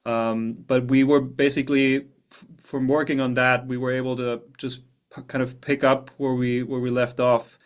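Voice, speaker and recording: A German film composer answers interview questions about his craft in a smooth, medium-pitched voice at a moderate pace. His tone is steady and flat with little rise and fall, and he often repeats words as he collects his thoughts.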